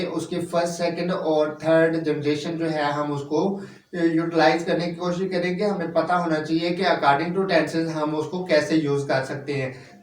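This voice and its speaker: A man's voice: fairly high pitch, a little hiss or hum. A man gives a language lesson at a board, spelling words out letter by letter and slipping English terms into his patient explanations. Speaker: language teacher. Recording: echoey room, mic at a distance.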